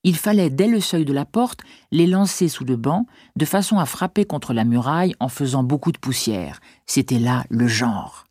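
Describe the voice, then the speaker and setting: A measured, expressive reader narrating a classic novel as an audiobook. The voice sits in a middle register and sounds dry and close, with no room around it. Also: medium pitch, no echo. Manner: measured, expressive literary reading.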